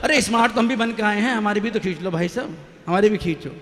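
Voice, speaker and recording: A man's voice: sits high, fast talker, a bit bright, long reverb tail. A man reciting comic poetry on stage at a live poetry event, telling jokey stories and bantering with the audience through a stage microphone. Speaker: stage poet.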